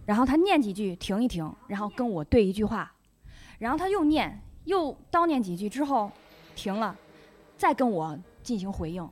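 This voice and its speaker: A woman, telling a personal story as a guest on a talk show in a chatty, animated way. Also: medium pitch, normal speed. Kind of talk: casual storytelling chat.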